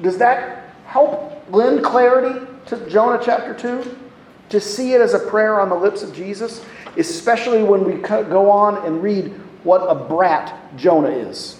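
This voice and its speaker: A man preaching a sermon, earnest, slowing down and dropping his voice when he reads scripture aloud. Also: high-pitched, reverberant, slight background noise, poor audio. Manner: earnest preaching, slows and drops to a hush when reading scripture. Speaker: pastor.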